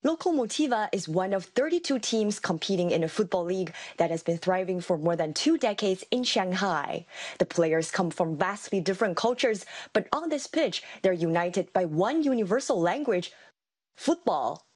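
A woman narrates a news feature with lively, upbeat delivery. Her voice sits at a middle pitch. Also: normal speed. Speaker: news reporter. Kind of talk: scripted news report.

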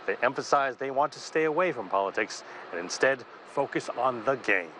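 Male reporter, steady news voice. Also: mid-range voice, brisk, slight background noise.

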